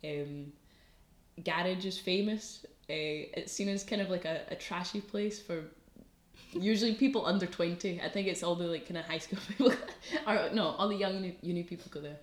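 Her voice is lowish and her pace normal as this young Scottish-accented woman, a student, chats casually on a podcast. Frequent laughter and plenty of fillers mark her talk, and the room is audible in the recording.

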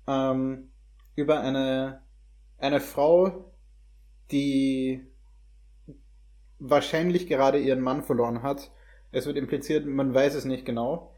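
A young adult man hosts a casual film chat, groping for words and sprinkling in English slang as he hesitates. His medium-pitched voice is steady and a little mellow, with a slow pace and frequent pauses.

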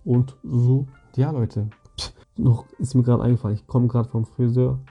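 Soft music plays behind a young podcast host as he rambles through casual stories in slang on his own, addressing listeners directly. He speaks at medium pitch with fairly even intonation and a moderate pace; the voice is husky and the highs are cut off.

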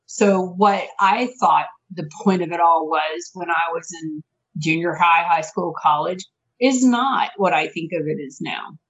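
A woman's voice: lowish voice, a little slow, fairly bright tone, muffled recording. A woman co-hosting a casual podcast, talking things through reflectively with many restarts. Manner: reflective, with frequent restarts and fillers. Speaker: podcast co-host.

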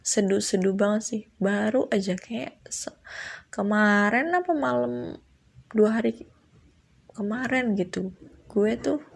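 Young woman, husky gravelly voice, chatty vlogger talking straight to camera with frequent laughs. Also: mid-range voice, slow, long pauses. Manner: chatty, slangy, laughs often, addresses viewers directly. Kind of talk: casual confessional monologue.

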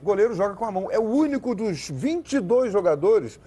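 A man's voice: high-pitched, sing-song, brisk, dark tone, breathy edge. A man with a Brazilian accent debating football as a TV panel commentator, emphatic and repeating phrases for stress.

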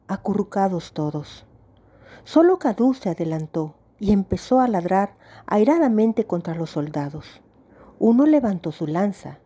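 A woman narrating a story aloud in a calm, measured storytelling manner. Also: medium pitch, breathy edge. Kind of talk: audiobook story reading.

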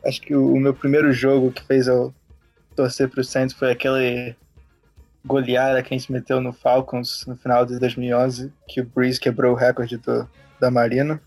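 Young male guest, flat monotone, dry sound, casual chat. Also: medium pitch, moderate pace, dry recording, soft background music. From Rio de Janeiro, Brazil. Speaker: podcast guest.

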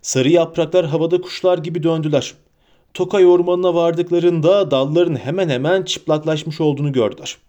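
A man narrating a fantasy novel at an unhurried, deliberate pace. His voice sits somewhat high for a man and carries the scene steadily from line to line. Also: steady tone, dark tone. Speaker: audiobook reader. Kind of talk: scripted narration.

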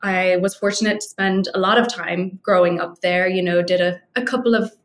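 A young woman with an Irish accent speaks over a video call. She tells her own story in an articulate, measured way, reflecting as she goes. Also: lowish voice, steady tone. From Ireland. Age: young adult. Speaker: guest.

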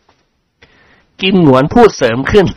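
A man reading a novel aloud as narrator, expressive and theatrical. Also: quick pace, no echo. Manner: expressive storyteller.

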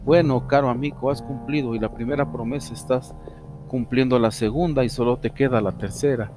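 A man's voice: mid-range voice, steady tone, fairly quick, close to an everyday voice. A man voicing a pompous, formal old male cat who gives orders, in a storybook reading. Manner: formal, commanding. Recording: music under the reading.

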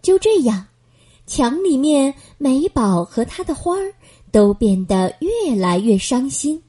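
A woman reading a children's bedtime story aloud in a gentle, expressive manner. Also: sits high, slow, breathy edge.

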